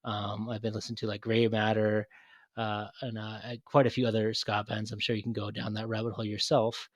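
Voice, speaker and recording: A man's voice: fairly low pitch, completely flat delivery, a little fast, no room sound. A man co-hosting a podcast, rambling in casual chat with many restarts and fillers. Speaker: podcast co-host.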